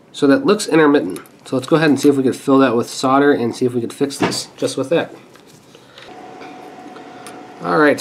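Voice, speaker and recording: Sounding congested from a sinus infection, this medium-pitched man hosts a repair channel and chats casually at an indoor workbench. He's relaxed and talkative, thinking aloud while walking through a hands-on repair, with a slight hiss or hum in the audio.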